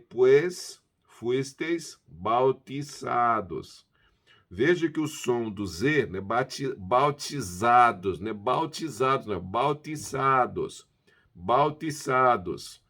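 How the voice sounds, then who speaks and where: A man giving a language lesson from Bible verses, repeating words slowly to model how they sound. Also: medium pitch. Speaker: language teacher. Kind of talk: Bible-based pronunciation lesson.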